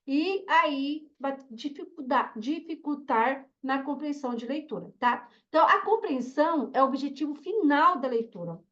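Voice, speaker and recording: Brazilian woman teacher, high voice, lecturing and asking the class stuff, kinda muffled lo-fi audio. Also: lively intonation, normal speed, few pauses, a bit bright. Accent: Brazilian Portuguese. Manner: explanatory, asks the class questions, frequent "tá?" and "né?". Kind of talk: online course lecture.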